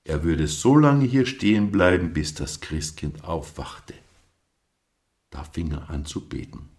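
Male narrator, very low-voiced and unhurried, storybook reading. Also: very animated, darkish tone.

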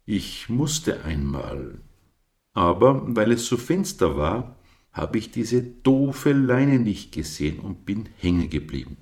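A man's voice: lowish voice, sing-song, slow, a little mellow, voice pushed up, full character voice. A man doing a big grumbling sheep. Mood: lively.

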